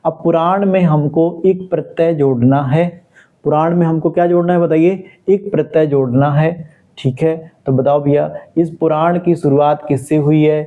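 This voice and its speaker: A man's voice: fairly high pitch, steady tone, normal speed, narrow, tinny audio. A male teacher giving a Hindi grammar lesson to exam students, explaining step by step as he writes, and asking questions then answering them himself. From India. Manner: repetitive call-and-response questioning.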